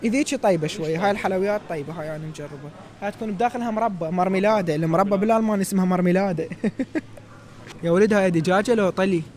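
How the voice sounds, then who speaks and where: A young Iraqi vlogger in his twenties, with an Iraqi Arabic accent, walks through a big supermarket talking into a handheld phone. His voice sits high and he speaks quickly in a casual walk-through. The tour-guide patter is lively and conversational.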